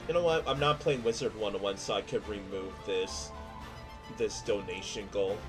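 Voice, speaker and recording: A man's voice: lowish voice, moderate pace. A man streaming a video game, giving casual live commentary to his chat. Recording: loud game music behind voice. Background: video game music.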